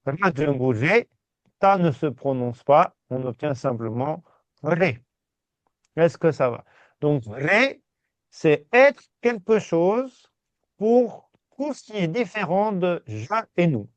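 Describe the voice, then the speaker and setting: A man's voice: fairly high pitch, animated, no echo. Patient, reassuring male language teacher. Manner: reassuring, repeats words slowly. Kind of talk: patient step-by-step class. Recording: dull, dry sound.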